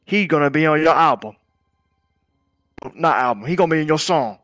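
A man's voice: a little high, lively intonation, brisk, fairly bright tone, dry recording, studio quality. A man playing an intense, menacing, aggrieved music boss in an improvised crime game role-play, brooding and repeating himself for effect. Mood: stern.

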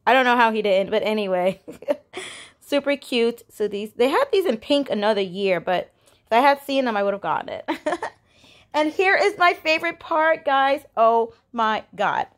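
A woman's voice: fairly high pitch, lively intonation, moderate pace. A young woman at home chatting casually through a shopping haul, gushing and giggling as she goes. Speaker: vlogger. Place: home, indoors.

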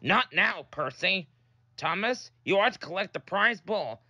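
A man voicing a brisk, stern middle-aged railway boss who speaks in a curt, dismissive way, with music behind. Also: high-pitched, animated, pushed and bright, pitched above the performer's own voice, exaggerated voice.

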